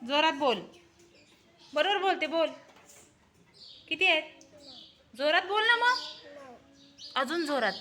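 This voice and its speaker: A woman teaching a class of young children, coaxing and praising them and urging them to answer loudly. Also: high-pitched. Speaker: primary school teacher. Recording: noisy classroom recording.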